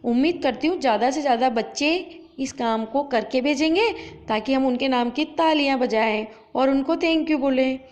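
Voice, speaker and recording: A woman teacher giving an online lesson to children, stretching out example words slowly and asking questions that she answers herself. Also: sits high, darkish tone. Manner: slow, drawn-out pronunciation of example words. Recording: dull lo-fi audio.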